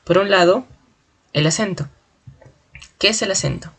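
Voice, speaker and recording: A teacher giving a spoken grammar lesson in a clear, deliberate way, slowly stretching out example words syllable by syllable. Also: mid-range voice. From Peru.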